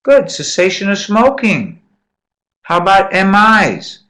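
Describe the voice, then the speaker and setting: A man's voice: high-pitched, big pitch swings, takes it slowly, sharp tone. A man giving a live medical lecture in a classroom, quizzing students and repeating key points. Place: lecture room.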